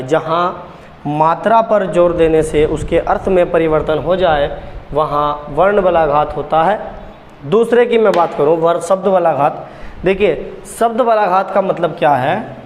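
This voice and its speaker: A man's voice: a little high, long reverb tail, slight background noise. A man teaching Hindi grammar at a board, repeating key points and quizzing the class with questions. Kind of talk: blackboard lesson.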